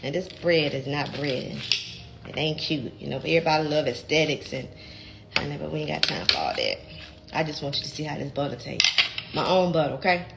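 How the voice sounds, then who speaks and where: Middle-aged woman, folksy home-cooking vlogger, lower register. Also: animated, brisk, vocal fry, very noisy. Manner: chatty, folksy, calls viewers baby and child. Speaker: home cook and gardening creator. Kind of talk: casual how-to vlog. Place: home kitchen.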